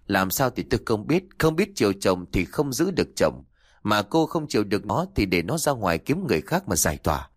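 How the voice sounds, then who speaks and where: A cruel old mother-in-law with a harsh, scolding tongue, as a male storyteller puts her on. Her pitch swings widely as she berates, and the voice sounds close and dry, with no room around it. She comes from a spoken audio story. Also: sing-song, brisk, no room sound.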